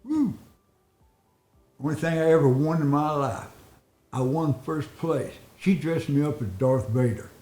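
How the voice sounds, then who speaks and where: A man telling a story from his own life in an interview, folksy and animated, acting out the voices in it. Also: a little high, normal speed. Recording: echoey room.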